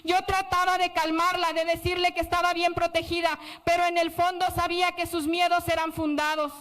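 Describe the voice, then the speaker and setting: A woman telling a first-person story in steady, serious scripted narration. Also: very high voice, brisk.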